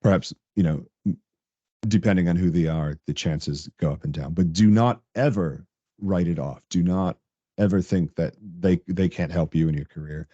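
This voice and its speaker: A man as a guest on a podcast, chatting casually and telling animated stories, laughing often. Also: low-pitched, normal speed, no echo, lo-fi sound. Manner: animated storyteller, laughs often, acts out coworkers' lines. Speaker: podcast guest, tech director. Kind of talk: casual interview chat.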